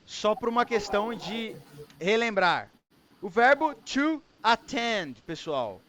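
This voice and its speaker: A man's voice: high-pitched, sing-song, takes it slowly, pushed and bright. A man teaching English online, with a Brazilian Portuguese accent, giving encouraging feedback and explaining pronunciation rules in Portuguese and English.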